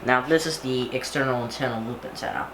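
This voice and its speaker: Speaking fast in a medium pitch, a man talks informally through every little step of an unboxing he's presenting as a hobbyist video creator. The recording is very noisy.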